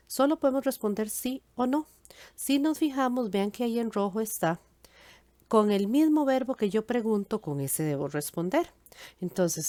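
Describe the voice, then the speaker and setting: A woman English teacher explaining grammar patiently, step by step, saying her English examples slowly and clearly. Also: medium pitch, no room sound. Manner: switches between Spanish and English, speaking English slowly. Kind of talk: recorded grammar lesson.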